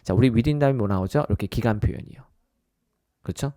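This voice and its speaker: A man delivers a recorded test-prep lecture in a mellow, darker voice at a mid pitch. He keeps checking in with his listeners through short tag questions and calls them his students. The sound is dry and close, with no room around it. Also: a little fast, dry recording. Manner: addresses listeners as "our students". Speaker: English test prep instructor.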